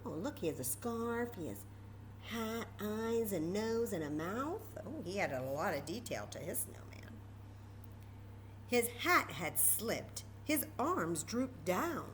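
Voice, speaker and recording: On a rough recording with a little hiss or hum, a Texas woman hosts storytime in a mid-range, slightly bright voice, very animated yet taking it slowly. She speaks expressively to young listeners, mixing the read-aloud with casual side remarks.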